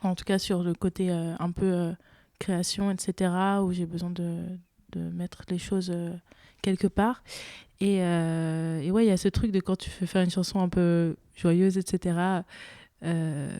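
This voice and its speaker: A woman's voice: fairly low pitch, little pitch movement, measured pace, dark tone, dry recording. A young woman, a singer and guitarist, chatting in an interview, hesitant with many fillers and restarts. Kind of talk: casual interview chat.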